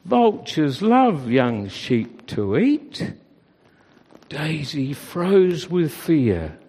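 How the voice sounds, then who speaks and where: Slow, expressive male storyteller. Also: a little high, breathy edge. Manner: gentle, expressive reading. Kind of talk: children's storybook reading. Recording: long reverb.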